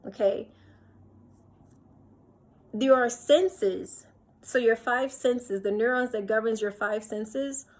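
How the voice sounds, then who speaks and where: A woman's voice: fairly high pitch, slow, pauses often. A woman teaching a recorded lecture over slides, explaining step by step and repeating points, with many fillers and restarts.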